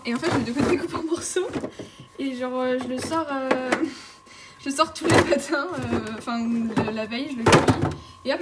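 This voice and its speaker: A young woman from France, a student talking casually and candidly about daily life. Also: high-pitched. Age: young adult. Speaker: student looking for work. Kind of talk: casual, candid documentary talk. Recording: background noise, public bustle.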